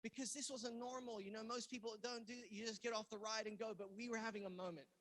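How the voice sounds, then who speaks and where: Animated storytelling male pastor from England. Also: sits high, fast talker. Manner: animated storyteller who acts out quoted lines with loud outbursts. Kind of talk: sermon storytelling. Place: church in Los Angeles.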